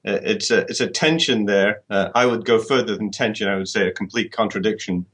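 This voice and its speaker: A UK author with a husky, fairly bright, low-leaning voice talks fairly quickly in a conversational interview. He stays thoughtful, frequently restarting and repeating words as he works things out.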